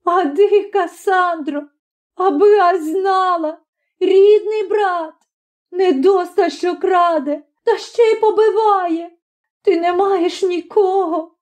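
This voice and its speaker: A woman voicing a wronged young peasant woman in an audiobook, her lines high, shrill and tearful. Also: slow pace, darkish tone. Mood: sobbing. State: crying. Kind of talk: audiobook character voice.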